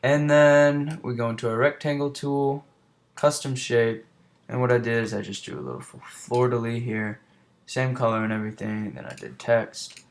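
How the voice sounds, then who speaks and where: A man's voice: mid-range voice, fairly even intonation, moderate pace. A young man talking casually through a design tutorial, rambling and muttering to himself as he works. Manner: rambling, mutters under breath while working. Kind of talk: casual screen-recorded tutorial.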